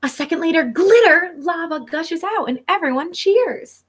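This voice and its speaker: Her voice very high and animated, a teacher in her thirties reads a picture book at a moderate pace in her living room, with slight background noise. She talks straight to young children, expressive and instructive.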